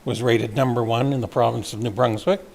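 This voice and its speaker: A man with a gravelly, creaky voice speaks at a council meeting's public comment time. He is plain and matter-of-fact, in a council chamber. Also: mid-range voice, fairly even intonation, brisk, a little mellow. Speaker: member of the public addressing council.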